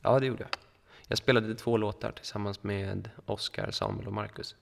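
Gravelly young man telling a rambling story. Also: fairly low pitch, flat delivery, in a large hall. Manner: rambling anecdote with many fillers and quoted dialogue. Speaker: podcast co-host. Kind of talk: casual storytelling chat. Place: school room.

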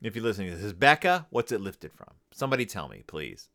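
A man's voice: lowish voice, sing-song, quick pace, a bit bright. A man hosting a podcast, chatting casually and comically about a children's book, rambling and correcting himself as he goes. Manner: rambling, digressive, self-correcting. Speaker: podcast host. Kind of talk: casual comedic book review.

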